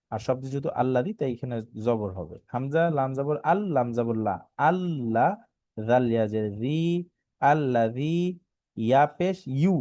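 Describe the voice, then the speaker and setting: Slow, mellow male Quran teacher. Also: mid-range voice, no room sound, clean studio sound. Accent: Bangladeshi Bengali. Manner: drawn-out melodic recitation between syllable-by-syllable spelling. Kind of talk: spelling out Arabic letters and reciting slowly in an online class.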